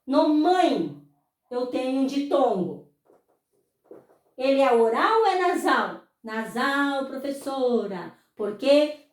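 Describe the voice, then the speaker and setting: High-voiced Brazilian teacher in an echoey room. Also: female voice, darkish tone. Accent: Brazilian Portuguese. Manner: drawn-out, repeats words, asks and answers own questions. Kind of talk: slow explanatory lesson. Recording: very echoey room, voice far from mic.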